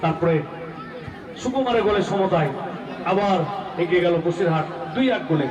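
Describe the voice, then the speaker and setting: Male football commentator, excited goal-call delivery, slightly high voice, echoey outdoor ground with crowd behind. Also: normal speed, highs cut off. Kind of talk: live football play-by-play commentary. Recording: echoey, distant mic, crowd noise. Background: crowd noise.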